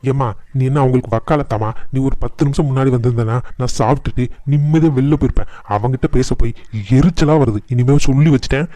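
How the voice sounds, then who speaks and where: A man's voice: medium pitch, fairly even intonation, quick pace, no echo, close to an everyday voice. A man voicing a hot-tempered cartoon brother. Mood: irritated. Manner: scolding, forceful, heated. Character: angry grown man scolding his brother, quick-tempered. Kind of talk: cartoon voice acting.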